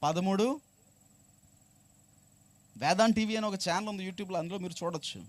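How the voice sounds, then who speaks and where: A man preaching a sermon, questioning his congregation and asking them to answer back, moving between hushed and loud emphatic passages. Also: high voice, moderate pace, a little hiss or hum. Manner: call-and-response preaching, asks the congregation to repeat. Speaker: pastor.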